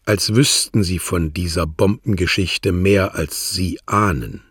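Man playing a stern police inspector, radio drama, firm and pressing, deep, slow. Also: a bit bright, breathy edge, dry recording, studio quality, heavily acted. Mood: probing.

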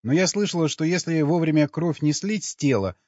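A man reading an audiobook, voicing a meek, naive young woman who talks in a soft, docile, matter-of-fact way. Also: on the high side, expressive, brisk, dry recording, pitched above the performer's own voice, lightly acted. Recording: dull lo-fi recording.

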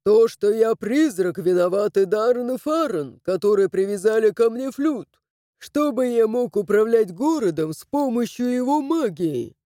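A woman reading an audiobook, voicing the proud, indignant ghost of a human duke in a raised, loud, emphatic voice. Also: fairly high pitch, expressive, moderate pace, no room sound, studio quality, natural voice.

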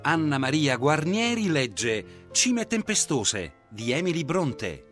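Male radio announcer, slow and lilting, fairly high voice, music bed behind. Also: very animated, fairly bright tone. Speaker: program announcer. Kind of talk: slow radio program introduction.

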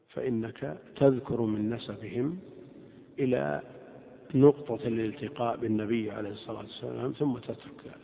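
A man's voice: mid-range voice, creaky. A man teaching a classroom lecture as a teacher of hadith, explaining each point step by step. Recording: lo-fi phone-like sound in a reverberant hall.

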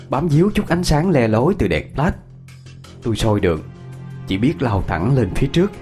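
A man narrating a first-person horror story in a tense, dramatic manner, slowing for suspense. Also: lowish voice, darkish tone.

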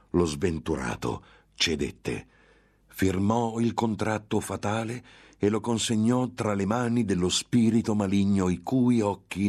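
A man narrating a gothic novel in a grave, measured dramatic reading. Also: sits low, darkish tone, slightly rough. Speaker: audiobook narrator.

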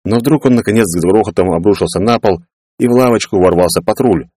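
A man narrating a storybook as audiobook reader, in an expressive storytelling manner. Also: fairly low pitch, quick pace, dry recording, studio quality. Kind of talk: scripted narration.

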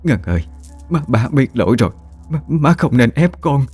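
A man voicing a crazed, haunted middle-aged woman begging her dead daughter in a shrill wail. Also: expressive, normal speed, a little mellow, breathy edge, soft background music. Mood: frantic pleading.

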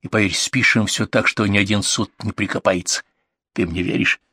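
A burly paramedic hisses his threats in a low, steady voice, as a man acts him out. He sounds cold and in control, with a dry, close storybook sound. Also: moderate pace, slightly rough, no echo. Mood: menacing. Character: tough burly male paramedic, menacing.

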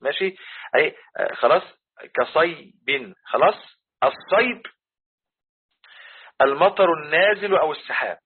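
A religious teacher with an Egyptian Arabic accent explains Quran commentary to a class, repeating his points and often checking that everyone is following. His male voice is a little high, animated, slightly rough, and a bit fast, captured on a tinny, phone-like recording.

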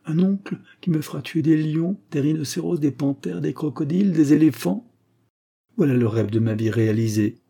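A man's voice: medium pitch, lively intonation, moderate pace, warm tone, breathy edge. A man reading an audiobook, voicing a spirited, thrill-seeking young woman with breathless, exclamatory enthusiasm. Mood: overjoyed.

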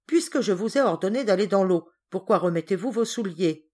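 A woman's voice: mid-range voice, lively intonation, fairly quick, darkish tone, close to an everyday voice. A woman voicing a spoiled, arrogant young boy who gives orders and sneers. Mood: bossy sneering. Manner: commanding, sneering.

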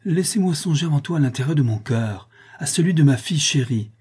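A man's voice: mid-range voice, a little slow, mellow, slightly rough. A man voicing a passionate noble prince who pleads tenderly, in an earnest manner, for an audiobook. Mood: pleading. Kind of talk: audiobook reading.

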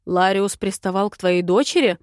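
A dragon prince from an audiobook, calm and firm, settling a quarrel with quiet authority, voiced by a woman. His voice is held level and dry, never rushed. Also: mid-range voice, dry recording, close to an everyday voice. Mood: calm, stern.

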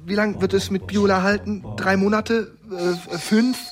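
A mocking, dry-witted younger brother. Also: male voice, high-pitched, fairly even intonation, measured pace, slight background noise. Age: middle-aged. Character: sardonic, defensive middle-aged younger brother. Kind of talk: radio play acting.

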